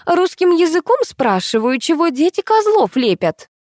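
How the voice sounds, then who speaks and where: A brash rich mother shrieks her demands in a high, piercing voice, as a woman reader puts her on. She is crude, bossy and indignant, and the reading sounds dry and close. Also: moderate pace, a little mellow, no echo, lightly acted. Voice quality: shrill, shrieking. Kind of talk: audiobook reading.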